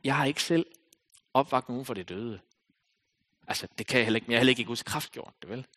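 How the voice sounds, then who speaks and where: This sermon comes from a medium-pitched male pastor who reads scripture and then talks it through. His delivery rises to loud calls and drops to soft lines that are close to a whisper.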